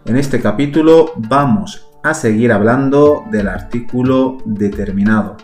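Slow, patient male language teacher. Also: medium pitch, a little mellow, echoey room, soft background music. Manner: slow, patient, spells out words and repeats them. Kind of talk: podcast language lesson.

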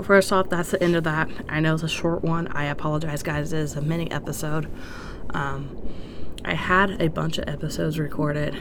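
A woman's voice: low voice, noisy background. A woman hosting a podcast in casual, rambling solo talk, hesitant and apologetic, sounding out of breath and short-winded. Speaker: podcast host.

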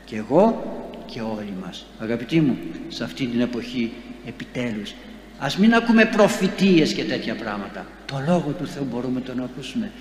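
A male priest giving an impassioned sermon, rising to loud exhortations and dropping to soft asides, recorded in a large church. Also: medium pitch, very animated. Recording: echoey church with long reverb, faint noise.

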